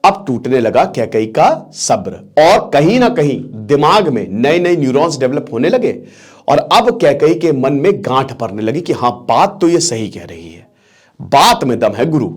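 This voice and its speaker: A man's voice: medium pitch, big pitch swings, a little slow, breathy edge. A man teaching by retelling an old epic, explaining as he goes, mixing in English words and checking if his students follow. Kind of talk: storytelling lesson.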